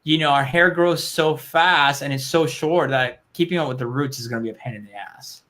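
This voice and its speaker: A man's voice: fairly high pitch, moderate pace, pushed and bright. A man co-hosting a show in casual chat, rambling and opinionated, with loose, sweary phrasing. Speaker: show co-host.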